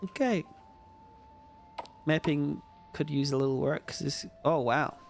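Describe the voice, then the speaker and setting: Playing and judging game jam entries live, this streamer has a fairly high, gravelly voice and an unhurried delivery. He sounds sleepy and keeps yawning while tossing out wry, chatty asides. Faint music plays behind him.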